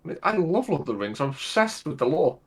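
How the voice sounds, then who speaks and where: A man's voice: fairly high pitch, big pitch swings, quick pace, slightly rough. A man co-hosting a casual podcast, enthusiastic about fantasy games. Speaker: podcast co-host. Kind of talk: casual chat.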